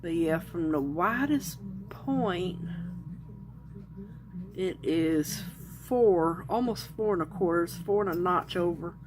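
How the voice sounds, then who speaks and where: A woman talks slowly and easily in a casual crafting vlog. She chats and thinks aloud as she measures and shows her pieces at an indoor craft table. A faint hum of room noise sits behind her voice. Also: lowish voice, animated. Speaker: resin crafter and channel host. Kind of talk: casual show-and-tell vlog.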